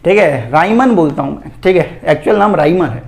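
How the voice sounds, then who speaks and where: A man's voice: fairly high pitch, lively intonation, fairly quick, creaky. A man from India teaching an exam-prep chemistry lecture in a chatty way, calling his students "beta" and "bhai" and checking in with "theek hai" again and again. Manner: keeps repeating "theek hai" and "ye dhyan rakhen".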